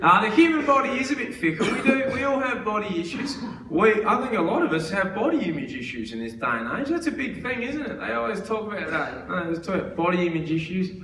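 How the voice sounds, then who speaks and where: A man with an Australian accent ranting through a crude stand-up routine in a high, brash voice. His voice rings around a theatre from a distance. The room's background noise stays clearly audible behind him. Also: big pitch swings, quick pace, few pauses. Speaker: stand-up comedian. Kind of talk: live stand-up set. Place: theatre stage. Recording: echoey theatre, distant mic, crowd noise.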